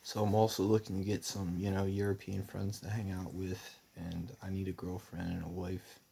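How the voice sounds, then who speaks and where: A man's voice: sits low, completely flat delivery, moderate pace, creaky, warm tone, a little hiss or hum. A young man talking in a rambling personal monologue, meandering with many fillers and restarts. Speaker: vlogger.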